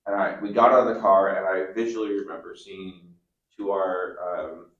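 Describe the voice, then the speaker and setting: A young man, a storm chaser, reminiscing in casual chat, halting and repeating words as he recalls. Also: deep voice, fairly even intonation, reverberant, dull audio.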